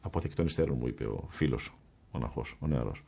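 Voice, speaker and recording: A man telling a personal story in an interview, soft-spoken, unhurried and reflective. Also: extremely low pitch, expressive, creaky, husky. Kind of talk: storytelling in conversation.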